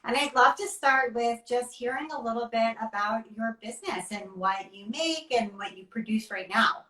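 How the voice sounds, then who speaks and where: A woman's voice: a little high, moderate pace, sharp tone, far from the mic. A woman hosting a casual interview over a video call, asking friendly, upbeat questions. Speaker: host. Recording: echoey room, voice off-mic.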